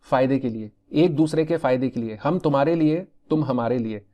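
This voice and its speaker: A man teaching an exam revision lesson, lively and direct, who asks questions and answers them himself. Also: medium pitch, moderate pace, muffled recording. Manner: animated, talks straight to students, calls them beta.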